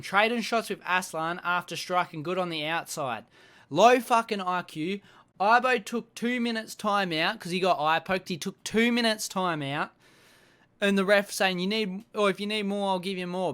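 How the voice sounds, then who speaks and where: A man's voice: high voice, pushed and bright, smooth. A man recapping fight-night bouts in casual chat, blunt and swearing constantly as he rants at the fighters. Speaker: MMA recap host.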